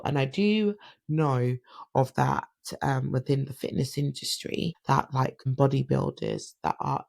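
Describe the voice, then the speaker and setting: A woman hosting a solo podcast, telling stories in an animated, chatty way. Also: extremely low pitch, creaky, breathy edge, dry recording. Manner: chatty, animated, acts out quoted dialogue. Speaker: podcast host. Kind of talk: casual solo podcast storytelling.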